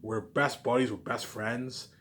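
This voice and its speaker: This vlogger has a mid-range, fairly bright voice with fairly even intonation, and he takes his time. Talking into his phone in a rambling solo monologue to camera, he's emphatic, boastful and repetitive, often posing questions and answering them himself.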